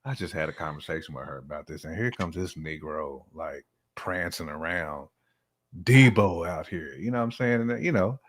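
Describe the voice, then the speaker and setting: A man from the United States with a rumbling low voice chats casually on a discussion show at normal speed, peppering his talk with informal slang and frequent checks for agreement.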